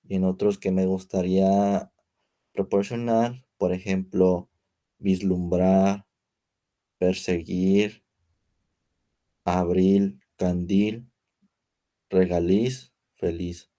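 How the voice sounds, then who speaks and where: A young man presents a spelling lesson as a student, reading examples one after another. His delivery is slow and careful, and his voice is low and mellow. He stumbles now and then and corrects himself. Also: flat delivery. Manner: reads word lists slowly with pauses, some slips.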